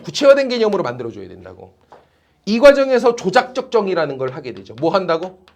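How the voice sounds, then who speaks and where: Male tutor, high voice, lively swinging delivery, teasing classroom lecture. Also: fast talker, creaky. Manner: animated, teasing, blunt slang with students. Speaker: academy teacher.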